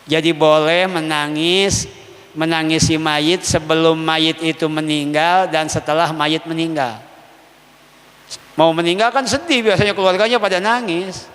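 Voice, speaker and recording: A male religious teacher leads a kitab study. He reads Arabic slowly, then explains it in casual, joking everyday speech. The long hall reverb trails behind each phrase. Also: a little high, fairly even intonation, a bit bright.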